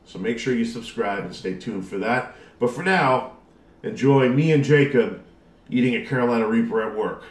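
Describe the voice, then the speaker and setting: A man's voice: mid-range voice, moderate pace. A man in his thirties chatting casually to camera as a vlog host. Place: dining room at home. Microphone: camera across the table. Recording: echoey home room.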